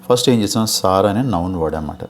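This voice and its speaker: Deep voiced telugu guy teaching grammar, patient, keeps saying okay, bit of hiss behind. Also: very fast. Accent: Telugu-accented English. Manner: patient, explanatory, checks in with "okay?" often. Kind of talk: exam-prep lecture in Telugu with English terms.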